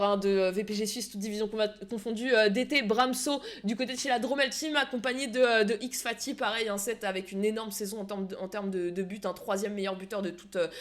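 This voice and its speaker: A young adult woman hosting an esports league live stream, chatty and laughing often, correcting herself as she goes. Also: medium pitch. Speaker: esports league show host.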